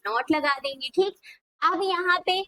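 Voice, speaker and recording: High-voiced woman teaching grammar. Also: pushed and bright, dry recording, poor audio. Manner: repeats questions back to students, drawn-out dictation. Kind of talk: classroom video lesson.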